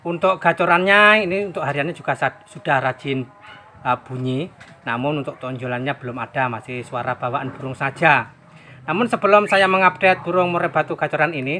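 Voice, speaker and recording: A man from Indonesia walks through a bird shop outdoors, filming a chatty sales vlog on his phone. His voice is bright and forceful, and he keeps coming back to the same set phrases. A faint hiss of noise sits under the outdoor sound. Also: mid-range voice, fairly quick. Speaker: bird seller.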